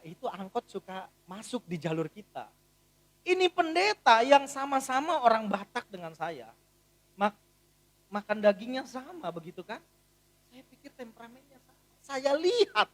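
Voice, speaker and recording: A man in his thirties, a pastor preaching a sermon in a church and telling stories with humor, often swinging from quiet to loud. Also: high-pitched. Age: 30s. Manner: animated, humorous storytelling with big swings in loudness.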